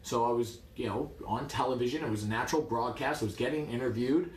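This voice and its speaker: A man from New York, a martial arts coach, telling a story in a lively, wry way. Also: mid-range voice, fast talker, roomy sound. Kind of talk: casual storytelling.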